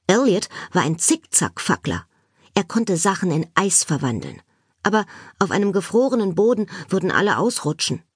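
A woman narrating a children's audiobook with expressive, playful storytelling. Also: lowish voice, moderate pace, husky, dry recording, clean studio sound.

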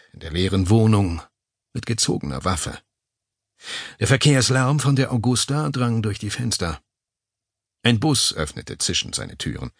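A man narrates a suspense novel with a low, gravelly and slightly husky voice. His delivery swings widely in pitch as the tension builds. The recording is close and dry, with no room sound. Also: fairly bright tone, dry recording. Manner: tense, dramatic pacing with sudden pitch jumps. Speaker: audiobook narrator. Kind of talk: scripted thriller narration. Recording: dry close studio mic.

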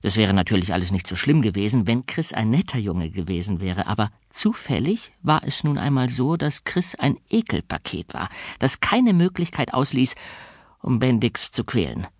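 A male narrator reading a children's story aloud, his voice rising and falling with lively, animated pitch. The recording is dry and close, with no room sound. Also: normal speed, dry recording. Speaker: audiobook narrator.

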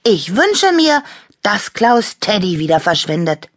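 A woman's voice: deep voice, animated, slow pace, a bit bright, slightly rough, dry recording, clean studio sound, exaggerated voice. A woman voicing a jealous, pouting little toy girl with a whiny, indignant manner, in a storybook reading. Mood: sweet.

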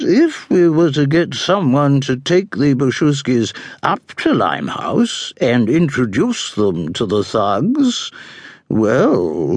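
A man voicing an imperious elderly aristocratic duchess who speaks slowly and haughtily. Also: mid-range voice, a little mellow, husky, no room sound, pitched above the performer's own voice, full character voice. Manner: slow, haughty, peremptory.

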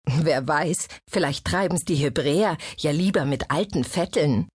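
A woman's voice: sits low, measured pace, a little mellow, breathy edge, no echo, studio quality. A woman voicing a mocking, coarse young woman of the streets in an audiobook. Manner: scornful, coarse. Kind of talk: audiobook character voice.

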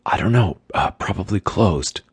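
A man doing a scared, hushed young man. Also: sits low, expressive, normal speed, husky, dry recording, exaggerated voice. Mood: worried. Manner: scared, hushed, mouthing words. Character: frightened, bruised young man under threat.

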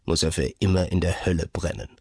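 Rich: A tired old man who sighs his way through a sales pitch, deep and hushed, as a male narrator puts him on. The voice is husky and breathy, recorded close and dry with no room sound. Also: fast talker, no echo, full character voice. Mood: weary, persuasive. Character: old man weary and sighing, selling a cursed bottle.

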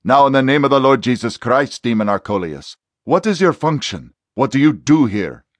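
A man voicing a stern, confident male exorcist in an audiobook, delivering forceful, insistent commands. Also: medium pitch, lively intonation, moderate pace, no room sound, voice pushed up, close to an everyday voice. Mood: commanding. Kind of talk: audiobook character voice.

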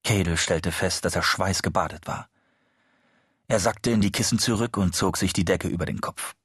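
Man, audiobook narrator, low pitch, husky tone, dry studio sound. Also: moderate pace, no room sound. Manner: steady, expressive storytelling. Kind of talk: scripted narration.

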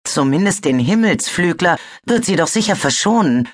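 A woman's voice: lowish voice, lively intonation, normal speed, voice pushed up. A woman voicing a young female mud dragon, earnest and questioning. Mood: curious.

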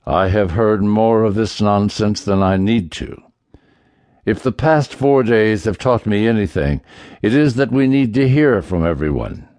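A stern king with no patience for flattery, as a man plays him. He speaks slowly and with command, in his own lowish voice. The sound is dry and close. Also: no room sound. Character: stern, impatient male king.

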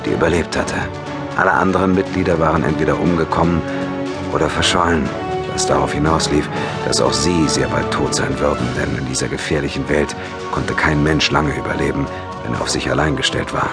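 Deep, measured man narrating a sci-fi novel. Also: fairly even intonation, over loud music. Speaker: audiobook narrator. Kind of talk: scripted narration.

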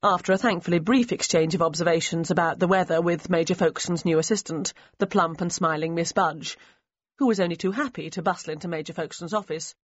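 A woman narrating a novel in a measured, even storytelling manner. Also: fairly low pitch, husky, no echo. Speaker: audiobook narrator. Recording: slightly muffled dry studio recording.

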